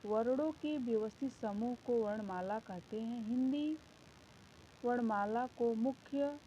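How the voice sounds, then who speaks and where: A woman teacher talks her pupils slowly through a grammar lesson, stopping to count and ask questions. Her voice sits a little high and mellow. The recording is slightly dull, with faint noise behind her. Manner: slow, patient explaining, counting out sounds and asking the class questions. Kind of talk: Hindi grammar lesson for schoolchildren.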